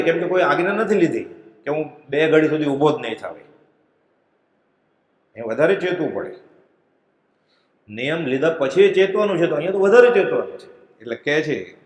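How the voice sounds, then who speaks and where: Middle-aged man, religious discourse, conversational anecdotes, mid-pitched voice, echoey hall. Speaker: spiritual discourse reader. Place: prayer hall.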